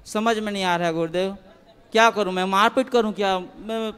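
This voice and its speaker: A man's voice: sits high, fairly even intonation, brisk, fairly bright tone, clear, resonant tone. A man from the audience, distressed and pleading, asking again and again for advice about what to do. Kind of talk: pleading personal question. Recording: reverberant hall.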